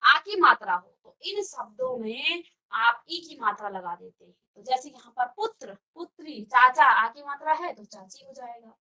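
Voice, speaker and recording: In a virtual classroom studio, a woman teacher gives a grammar lesson in a high, sing-song voice with a sharp tone, speaking at normal speed. She explains step by step and often poses questions that she answers herself. The audio is dull.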